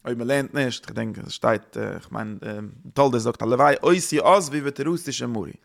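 A man's voice: mid-range voice, moderate pace, vocal fry. A man teaching a religious lesson in a rambling way, mixing German with Yiddish, Hebrew and English words. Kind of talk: Torah lecture.

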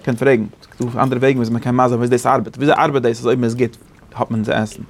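A man teaching a Torah class in a casual lecturing way, often rising to high emphatic peaks. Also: level tone, very fast. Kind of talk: Yiddish-flavored Torah class.

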